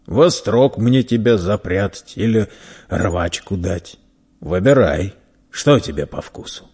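A man voicing a burly red-bearded merchant who scolds and mocks a young thief loudly. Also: on the low side, animated, takes it slowly, husky, exaggerated voice. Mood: scolding. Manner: loud, scolding, teasing.

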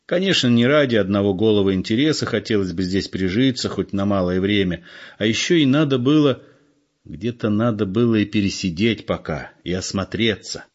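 A man with a low voice reads an audiobook expressively and acts out its characters. The recording sounds dull and lo-fi. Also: expressive, brisk. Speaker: reader. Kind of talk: audiobook narration.

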